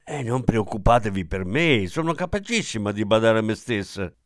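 A man reading the part of a brisk, determined young woman guest who brushes off help, raised voice. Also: on the low side, big pitch swings, no room sound, studio quality. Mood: insistent. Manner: quick, dismissive, laughing.

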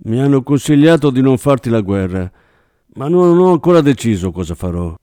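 A man's voice: medium pitch, animated, brisk, dark tone, clean tone, dry recording, studio quality, voice pushed up, lightly acted. A man voicing a menacing middle-aged gang boss with a tense, clipped delivery. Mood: threatening.

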